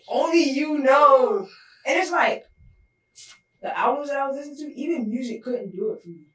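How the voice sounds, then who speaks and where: High-pitched, animated and brisk, a young podcast co-host chats casually, saying "like" everywhere in her loose, filler-heavy talk. The mic sounds distant and the room echoes.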